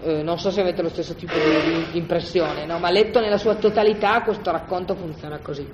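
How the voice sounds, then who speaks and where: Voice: medium pitch, brisk, noisy background. A Bible study teacher giving an informal, colloquial lecture on scripture to a group, often checking in with "no?". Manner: conversational, keeps asking "no?" to check in with listeners; colloquial, animated explaining with restarts. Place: room with a group of listeners. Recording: roomy, dull lo-fi recording with faint ambience.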